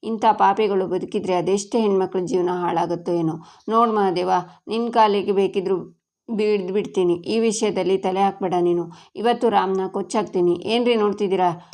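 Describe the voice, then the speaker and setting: A woman doing an enraged middle-aged father in a TV serial retelling. He rages and threatens, loud and bitter, at a middle pitch. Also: steady tone, fairly quick, natural voice. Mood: furious. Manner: furious threatening shouts.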